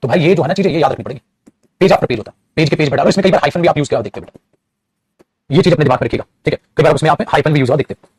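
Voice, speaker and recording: A man's voice: fairly high pitch, very fast, a little mellow, slightly rough. A man teaching English grammar in a classroom, explaining patiently and calling his students "child", with some moral advice. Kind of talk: classroom lecture.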